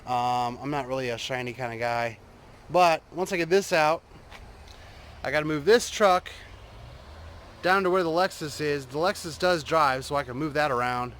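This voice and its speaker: A man talking casually and unscripted to his vlog viewers, rambling and halting as he thinks, outdoors in a driveway. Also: on the high side, fairly bright tone, a little hiss or hum. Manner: rambling, halting, trailing off mid-thought. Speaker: vlogger showing a truck build.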